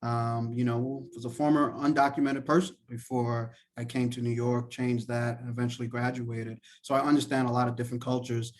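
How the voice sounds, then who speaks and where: Prof from trinidad and tobago doing q&a on a video call, encouraging, chatty. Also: male voice, mid-range voice, flat delivery, a little fast, few pauses. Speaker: professor and lawyer. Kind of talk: live Q&A in an online class.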